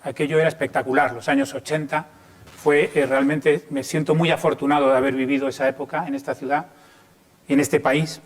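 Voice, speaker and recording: Man, 50s, from Chile, lecturer, slightly higher voice, halting, thinks aloud with many fillers. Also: flat delivery. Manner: hesitant, many fillers and restarts. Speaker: lighting designer giving a talk. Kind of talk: informal lecture to students.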